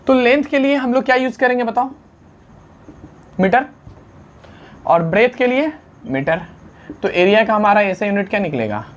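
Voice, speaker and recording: A man teaching a science lesson, constantly asking the class questions and answering them himself, urging students to write fast and mixing English unit names into his talk. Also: sits high, very animated, muffled recording. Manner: urges students to write quickly, calls them friend.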